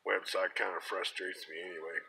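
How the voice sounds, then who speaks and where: A man's voice: deep voice, little pitch movement, fairly quick, vocal fry, bright, forceful tone, slight background noise. An American man in his fifties rambling casually in a folksy, plain-spoken way. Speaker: pipe-smoking vlogger. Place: inside a parked car. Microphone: phone at arm's length.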